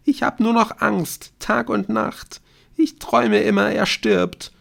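A man reading an audiobook, voicing a frightened teenage girl who pleads in a high, shaky voice. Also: slow pace, creaky, fairly bright tone, heavily acted. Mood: panicked.

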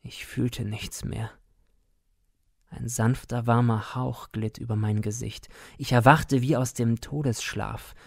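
Slow solemn male storyteller. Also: medium pitch, fairly even intonation, creaky, no room sound, studio quality. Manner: measured, solemn, dramatic. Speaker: audiobook reader. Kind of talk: scripted narration of a classic tale.

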